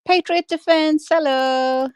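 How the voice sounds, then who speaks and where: Irish woman, chatty laughing storyteller, fairly high voice, dry close mic, online chat. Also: fairly even intonation, takes it slowly, no room sound. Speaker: panel member. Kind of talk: casual voice-chat conversation.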